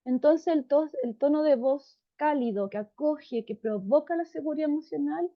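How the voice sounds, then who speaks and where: A woman psychologist explains things to parents in a warm, calm, unhurried tone, often checking in with them. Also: high voice. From Chile. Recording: dull lo-fi sound.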